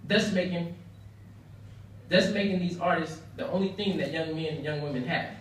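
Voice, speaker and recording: Captured from a distance in a heavily reverberant banquet hall, a young American speaker gives a rehearsed address over faint noise. He talks briskly and earnestly in a somewhat high voice, stressing points and repeating lines for rhetorical effect.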